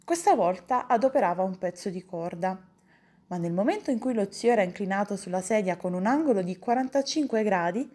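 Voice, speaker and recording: A woman's voice: medium pitch, expressive, fairly quick, mellow, slightly rough. Woman reading a comic story aloud. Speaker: audiobook reader. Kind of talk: narrating a humorous novel.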